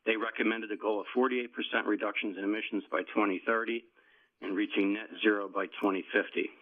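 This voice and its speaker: Guy calling in on a landline, thin tinny phone sound, lowish voice, reads his comment steady. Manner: reads a prepared statement, plain and measured. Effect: over a landline phone. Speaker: public witness giving comment at a hearing.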